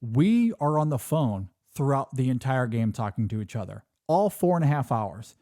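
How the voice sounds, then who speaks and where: A podcast host from Michigan tells a personal story earnestly in casual chat, often repeating words as he goes. His mid-range voice is very animated and warm at a normal pace. The sound is clean studio audio with no echo.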